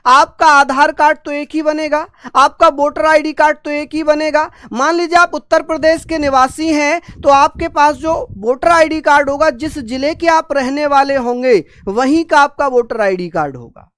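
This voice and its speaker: High and slightly bright, a woman's voice moves at normal speed with barely a pause, recorded as clean studio sound without echo. She teaches an online exam coaching class, repeating key terms, mixing in English terms, and asking students questions she then answers herself, acting out their replies in call-and-response style.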